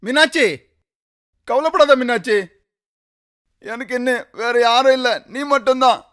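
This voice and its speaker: A man's voice: very high voice, a little slow, pushed and bright, smooth, no room sound, studio quality, full character voice. A man playing a hapless auto-rickshaw driver who swears long melodramatic oaths to his wife. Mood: reassuring. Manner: melodramatic, pleading. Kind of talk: short film acting.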